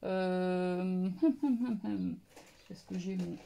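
A woman's voice: lowish voice, very slow, creaky, mellow. A woman vlogger casually showing off a craft haul, talking in a hesitant, musing way with many fillers. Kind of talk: casual show-and-tell haul.

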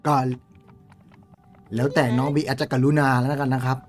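A young man streaming a game live, chatting with viewers in a crude, swearing, excitable way. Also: mid-range voice, normal speed, soft background music.

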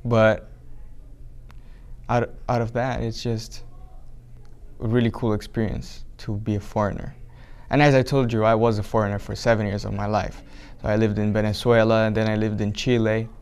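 A man's voice: fairly low pitch, little pitch movement, moderate pace, a little mellow, clear, resonant tone. A young man from Brazil with a Brazilian accent, answering interview questions in a hesitant way with many restarts, recorded in a small room. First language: Portuguese. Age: young adult. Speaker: documentary subject. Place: small indoor room with flag backdrop.

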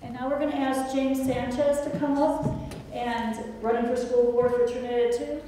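A woman's voice: sits high, steady tone, normal speed, heavy background noise. A woman moderating a candidate forum, announcing the next speaker and procedures. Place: large auditorium stage. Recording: echoey hall heard from far off.

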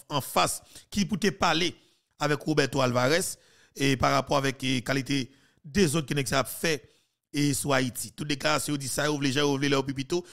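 A man in his thirties with a Haitian accent, giving heated, mocking political commentary on a podcast, with sudden loud outbursts. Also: medium pitch. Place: small studio. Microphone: studio mic with headphones.

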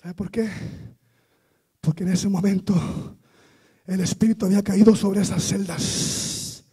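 A man preaching a Pentecostal sermon in church, building from quiet storytelling to shouted praise. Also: high-pitched, steady tone, measured pace, slightly rough.

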